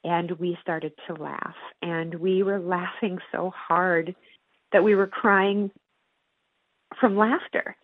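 A woman guest, a psychology professor and author, telling a personal story in an earnest, measured way with long pauses. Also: fairly low pitch, steady tone, no echo. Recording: tinny phone-like line, dry.

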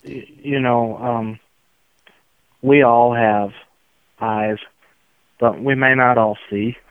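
Slow Southern drawl, smooth man on phone. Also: mid-range voice, fairly even intonation, no room sound. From outskirts of Memphis, Tennessee. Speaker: interview guest. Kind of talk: reflective interview conversation. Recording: muffled narrow phone-like line.

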